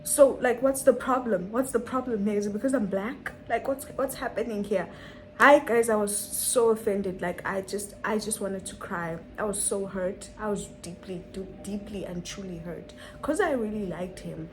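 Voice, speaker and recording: A woman's voice: medium pitch, normal speed, a little hiss or hum, rough recording. A young woman telling a dramatic story on her vlog, full of rhetorical questions and repetition. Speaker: vlogger.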